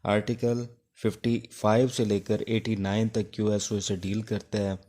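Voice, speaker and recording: A man's lowish, darkish voice, with little pitch movement and a Pakistani accent, carries an informal exam-prep law lecture. He drops in English legal terms and instructs in a halting way, leaving pauses between phrases.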